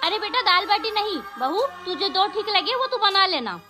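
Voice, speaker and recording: A firm, protective mother-in-law, played by a woman in a melodramatic home skit. Her very high voice sounds bright and sharp as she sets people straight. Faint music hums behind. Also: expressive, normal speed, full character voice. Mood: easygoing. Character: kind, firm middle-aged mother-in-law. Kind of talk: melodramatic short-video acting.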